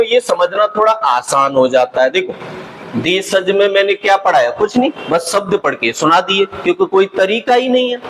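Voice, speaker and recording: A male teacher delivers an exam-prep lesson, reading out word after word at a slow, unhurried pace. His voice sits a little high for a man, and he keeps pausing to check in with his students. A faint hiss of background noise runs under the recording. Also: a bit bright, low-quality recording. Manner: slow, deliberate listing with frequent "ठीक है" check-ins. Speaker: Hindi grammar teacher. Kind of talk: exam-prep lesson, listing vocabulary words.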